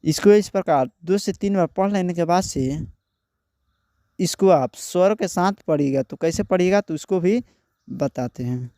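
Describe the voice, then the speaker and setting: Slow, warm-voiced male reading teacher. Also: high-pitched, no echo, studio quality. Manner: slow, word-by-word with repeated questions; spells out syllables aloud. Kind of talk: children's Hindi reading lesson.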